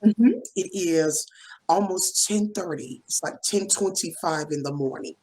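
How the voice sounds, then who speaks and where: A woman's voice: fairly low pitch, measured pace, darkish tone. A woman from the United States tutoring English over a video call, encouraging and asking simple questions with frequent mm-hmms. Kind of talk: video call conversation lesson.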